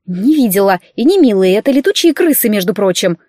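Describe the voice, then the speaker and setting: A woman reading the lines of a sharp-tongued young woman in her late twenties who answers sarcastically. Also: mid-range voice, very animated, dry recording, studio quality. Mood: sarcastic. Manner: sarcastic, quick to snap back.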